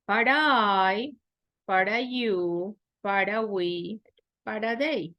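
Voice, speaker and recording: Slow, patient woman teaching an online class. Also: medium pitch, lo-fi sound. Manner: explains step by step, asks students questions. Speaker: English teacher.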